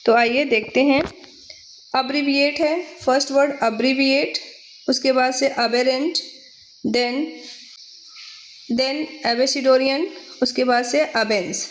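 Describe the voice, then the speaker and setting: In this exam-prep vocabulary lesson, a woman with an Indian accent spells English words out one letter at a time, checking with "theek hai." Her high-pitched voice has fairly even intonation, and she speaks slowly with long pauses.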